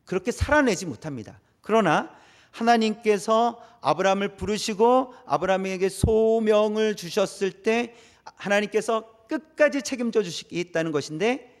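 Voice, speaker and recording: A man preaching a sermon as pastor, asking the congregation questions and answering them himself. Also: high voice.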